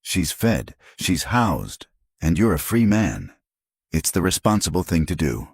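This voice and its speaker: A corrupt lawman speaks smoothly in an icy, unhurried calm, as a man narrating a western audiobook plays him. The voice is very low and husky. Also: no room sound, clean studio sound, exaggerated voice. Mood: calm menace.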